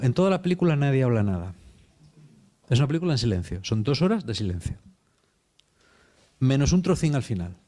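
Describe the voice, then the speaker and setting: A man's voice: mid-range voice, dark tone. A man with a Spain Spanish accent preaching a sermon in an informal, chatty storytelling way, with casual slang. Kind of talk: conversational sermon.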